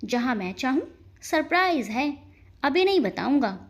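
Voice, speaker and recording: A calm, affectionate young husband who teases gently, as voiced by a woman narrator. The voice stays soft and tender, a touch lower than her narration. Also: moderate pace.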